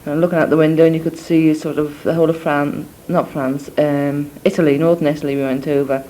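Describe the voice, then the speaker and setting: A woman's voice: low voice, little pitch movement, brisk, warm tone, low-quality recording. Chatty young woman with a Scouse-Scots accent. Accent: Scouse mixed with Scottish. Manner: chatty and rambling, with many ums and asides. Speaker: letter writer. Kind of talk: spoken cassette letter to family. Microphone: cassette or dictaphone recorder.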